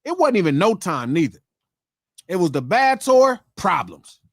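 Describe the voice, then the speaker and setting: High-voiced man hosting a live stream. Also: unhurried, no room sound, studio quality. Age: 50s. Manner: reads viewer shout-outs, animated banter. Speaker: podcast host reading donations. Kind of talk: casual live-stream chat.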